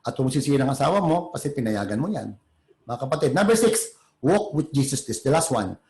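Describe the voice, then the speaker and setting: A man's voice: medium pitch, big pitch swings, brisk, a little mellow, roomy sound. A man preaching a sermon as pastor, conversational and mixing in English, often checking in with the congregation through rhetorical tags.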